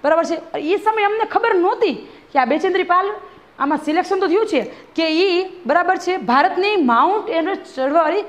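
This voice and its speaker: A woman's voice: extremely high pitch, lively intonation, normal speed. A woman schoolteacher, reading a textbook lesson aloud to a class and re-explaining each line, often checking that the pupils follow. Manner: reads a line then re-explains it, often asking "બરાબર છે?".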